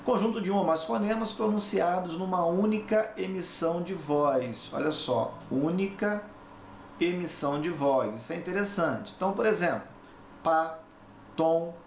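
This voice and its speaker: A man's voice: high-pitched, normal speed. A man teaching a recorded lesson, explaining step by step and checking in with tag questions as he repeats the key points. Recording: echoey room, faint background noise.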